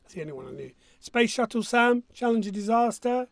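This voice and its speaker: A man's voice: extremely high pitch, big pitch swings, a little fast, creaky, soft background music. A man with a missing front tooth hosting a quiz casually, reading questions and answers in a jokey, self-mocking way. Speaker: quiz host.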